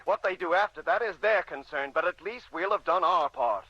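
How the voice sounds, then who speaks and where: A man voicing a calm, commanding ship's doctor in a radio drama, giving firm orders. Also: sits high, moderate pace, dry recording. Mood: urgent. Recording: dull lo-fi audio.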